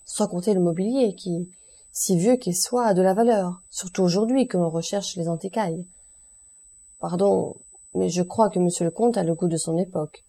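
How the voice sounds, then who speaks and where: A woman's voice: lowish voice, moderate pace, mellow. A woman reading the part of an eager, deferential male notary who speaks hesitantly, in an audiobook. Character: eager, obsequious small-town male notary.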